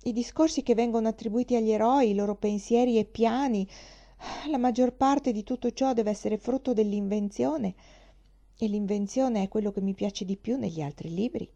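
A woman's voice: a little high, normal speed, warm tone, muffled recording, close to an everyday voice. A woman reading the part of a naive young woman who talks with earnest enthusiasm.

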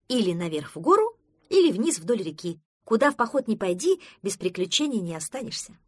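A woman voicing a calm, patient male friend who explains things in a children's audiobook. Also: mid-range voice, a little fast, husky, no room sound, clean studio sound. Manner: gentle and explaining.

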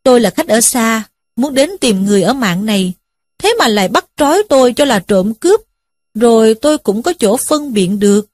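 A woman's voice: fairly high pitch, lively intonation, normal speed, darkish tone, no echo, studio quality. A woman voicing a burly young man caught as a thief, pleading in a raised, wailing voice. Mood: earnest.

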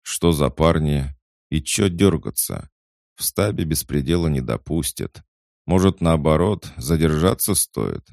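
A man's voice: extremely low pitch, lively intonation, unhurried, gravelly, a little mellow, dry recording, clean studio sound, full character voice. A man voicing Badabum, a blunt male driver who argues back and keeps pressing with questions. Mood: skeptical.

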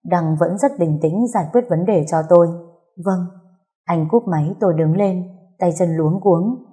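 Low, mellow woman narrating a story. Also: moderate pace, faint music behind. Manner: earnest, emotional storytelling. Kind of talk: first-person audiobook narration.

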